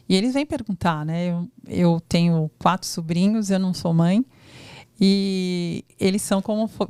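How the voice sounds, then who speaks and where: A woman's voice: medium pitch, darkish tone, smooth, no room sound. A woman hosting a casual interview chat, asking open questions and affirming her guests. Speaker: host.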